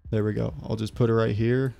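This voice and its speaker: A man's voice: fairly low pitch, flat delivery, fairly quick, vocal fry, mellow, soft background music. A man streaming a video game, thinking aloud and muttering to himself as he plays. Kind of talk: casual gameplay commentary.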